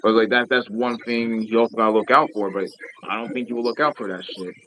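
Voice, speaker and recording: A man's voice: fairly low pitch, fairly even intonation, brisk, sharp tone. A man live streaming in casual chat, rambling and swearing freely with lots of filler phrases.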